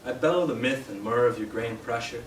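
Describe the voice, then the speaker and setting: A young man from Canada giving a live poetry reading in a bookshop, hesitant with fillers between poems and steady in his verse. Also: medium pitch, a little fast. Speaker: poet. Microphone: distant from the mic. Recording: roomy, distant, noisy live room sound.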